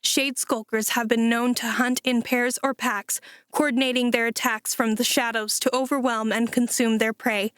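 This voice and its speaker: A woman voicing a dungeon's impersonal system voice, reciting slowly and evenly. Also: fairly high pitch, clear, resonant tone, no room sound, studio quality, close to an everyday voice. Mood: ominous. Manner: slow, even, mechanical recitation. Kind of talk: audiobook character voice.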